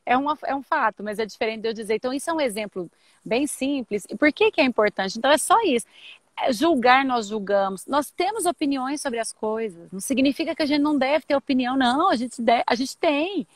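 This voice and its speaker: A woman's voice: high voice, lively intonation, a little fast, no room sound. A woman explaining ideas in a casual teaching chat, thinking aloud and often restarting her sentences. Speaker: co-host explaining nonviolent communication.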